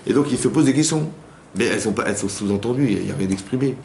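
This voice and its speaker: A man's voice: on the low side, quick pace, vocal fry, a little mellow. A man giving an informal class to women as a rabbi, talking conversationally with many repetitions and restarts and acting out quoted spouses. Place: community hall class. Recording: echoey room with faint hum.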